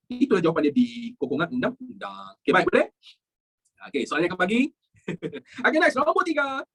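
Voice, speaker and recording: A woman with a Malaysian accent, teaching a history lesson and going through exam practice questions. She quizzes her students in a lively way and drops English words into her talk. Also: a little high.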